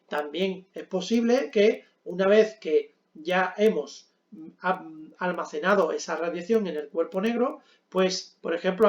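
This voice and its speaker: A man's voice: high voice, a little mellow, roomy sound, highs cut off. A man teaching a physics lesson at a board, explaining step by step with frequent check-ins and hesitant fillers.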